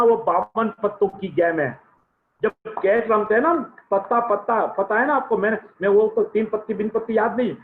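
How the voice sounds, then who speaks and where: A middle-aged man from Gujarat, giving an emphatic motivational business speech from a room at home, repeating key phrases for effect. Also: high-pitched. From Gujarat, India. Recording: tinny, echoey phone-like recording.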